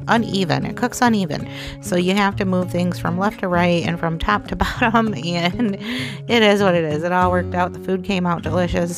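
A woman's voice: lowish voice, vocal fry. A woman hosting a home cooking vlog, narrating her dishes in a chatty, homey way with small laughs. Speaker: cooking channel host. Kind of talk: casual cook-along narration. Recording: music playing underneath.

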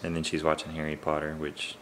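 A young man with a very low voice rambles easily through a casual vlog. His talk is loose and full of fillers, caught on a camera with clear background noise and car hum. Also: fairly quick. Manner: rambling, relaxed, filler-heavy. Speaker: vlogger. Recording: noisy home video, car noise.

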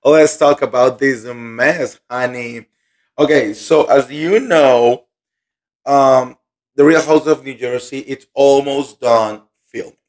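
A man hosts a casual gossip show with a voice that is hoarse and still recovering. He talks slowly and carefully to spare it, filling his sentences with chatty asides. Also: mid-range voice. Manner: chatty, filler-heavy, "you know" and "like".

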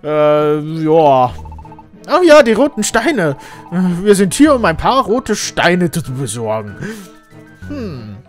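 A man's voice: sing-song, slow, soft background music, heavily acted. A man voicing a young, eager Pokémon hero who speaks in a raised, flustered and polite way. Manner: higher, louder, flustered delivery.

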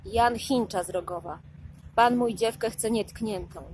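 A woman voicing a calm young knight who speaks quietly in an audiobook. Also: high voice, a little slow, a little hiss or hum. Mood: firm.

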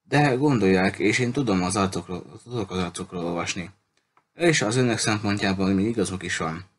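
Man reading as an anxious pleading woman. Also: low-pitched. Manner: pleading, polite. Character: anxious earnest woman guiding a boat search.

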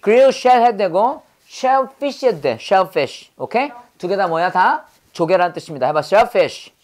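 A woman's voice: mid-range voice, expressive, slow pace, a little mellow. Lady running an english word drill, says it, has them repeat, keeps quizzing. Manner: drills words with repeated prompts and quizzing questions. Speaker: English vocabulary teacher. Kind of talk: call-and-response language lesson.

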